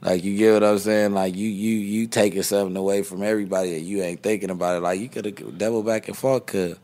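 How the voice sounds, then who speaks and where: Man, low voice, slangy casual talk, animated storytelling, quotes people in his story. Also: quick pace. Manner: slangy, repeats "you know what I mean". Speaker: guest rapper. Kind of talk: casual interview chat.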